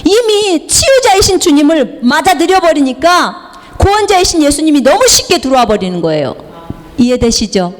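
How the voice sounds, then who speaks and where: A woman's voice: high-pitched, moderate pace. Woman missionary telling a testimony in a hall. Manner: animated storytelling, acts out dialogue. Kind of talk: sermon testimony. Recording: long hall reverb.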